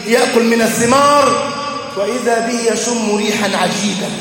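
A man preaching a sermon with rising shouts and chanted phrases. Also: very high-pitched, a little hiss or hum. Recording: echoey hall with long reverb.

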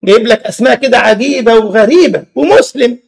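A man's voice: very high voice, fast talker, gravelly, breathy edge. A man from Egypt with an Egyptian Arabic accent, preaching a religious lesson with humorous stories and many rhetorical questions. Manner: animated, rhetorical questions, laughs at own stories.

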